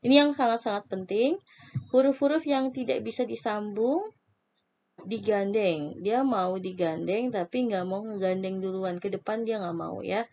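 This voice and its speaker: In a muffled recording, a woman with a medium-pitched, slightly mellow voice and an Indonesian accent leads a spelling lesson. She dictates slowly, pulling each example word apart syllable by syllable.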